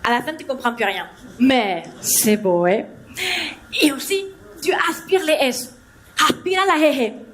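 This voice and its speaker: A young female stand-up comedian, her voice high and animated at a measured pace, impersonates a bubbly Spanish woman teaching a language lesson in French with a Spanish accent. Performing on a theatre stage before a live audience, she playfully teases the crowd.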